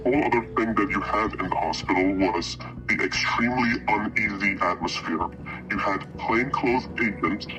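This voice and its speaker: A man giving interview testimony as a doctor, his voice electronically altered into a disguised deep voice. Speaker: doctor giving witness account. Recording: dull lo-fi audio with music behind. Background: music.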